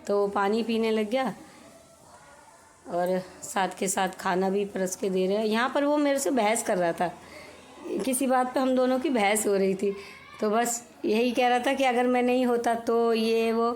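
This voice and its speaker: A woman's voice: on the high side, steady tone, measured pace, darkish tone, slight background noise. A middle-aged woman with a slightly sore throat, chatting casually over her home cooking and cleaning footage. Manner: chatty, homely, explains while working. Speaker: home vlogger.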